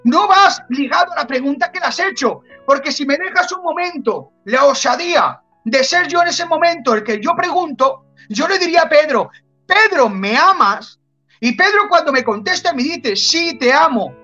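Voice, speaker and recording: A man's voice: extremely high pitch, animated, normal speed, few pauses, bright, forceful tone, highs cut off, soft background music. A man preaching a testimony sermon with a Spanish accent from Spain, fervent and repetitive, telling a story.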